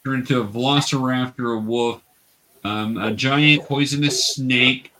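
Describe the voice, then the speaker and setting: Over an online call, a man acts as a patient game master, casually explaining and narrating a tabletop roleplaying game for young players. His voice is mid-range and steady, a little slow, with a noisy background.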